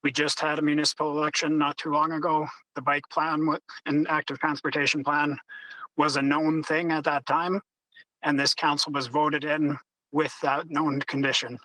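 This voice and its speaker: A man's voice: on the high side, little pitch movement, normal speed, sharp tone, no echo. A man calling in on a car hands-free phone while driving, speaking earnestly and directly at a public hearing. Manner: earnest and direct, with some restarts. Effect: car hands-free phone call. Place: in a moving car. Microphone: car hands-free device.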